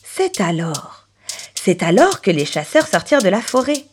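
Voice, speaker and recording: Lively woman telling a children's story. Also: medium pitch, brisk, slight background noise. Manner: animated, storybook intonation. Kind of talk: expressive children's story narration.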